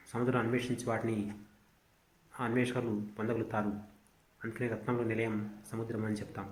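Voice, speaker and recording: ఒక పురుషుడు ప్రతిధ్వనించే గదిలో నెమ్మదిగా శ్లోకాలు చదివి వివరించే ఉపాధ్యాయుడు. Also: male voice, medium pitch, echoey room. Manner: recites verse slowly, then explains at length. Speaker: Sanskrit teacher. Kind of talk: explanatory lecture.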